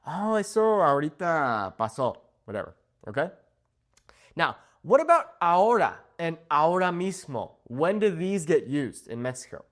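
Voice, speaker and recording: Lively young man teaching Spanish. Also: fairly high pitch, normal speed. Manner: lively, often checks in with "okay?". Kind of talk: casual video lesson.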